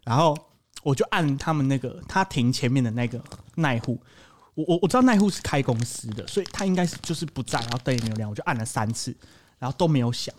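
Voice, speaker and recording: A man's voice: medium pitch, quick pace. A young man with a Taiwanese Mandarin accent hosting a podcast, telling stories in casual chat full of swearing. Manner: profane, animated storytelling. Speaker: podcast host.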